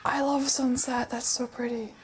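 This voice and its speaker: Gushing, high-voiced woman reacting. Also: little pitch movement, normal speed, a little hiss or hum. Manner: gushing, sentimental. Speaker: reaction video host. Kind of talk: casual live reaction commentary.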